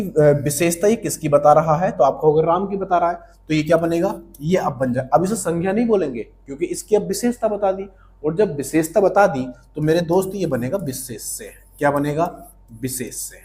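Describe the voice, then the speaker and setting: A man teaches grammar in a friendly, chatty way and keeps asking the viewer questions. He sits a little high in pitch and answers each question himself, saying the key terms twice. It sounds like a grammar lesson for exam prep. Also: darkish tone.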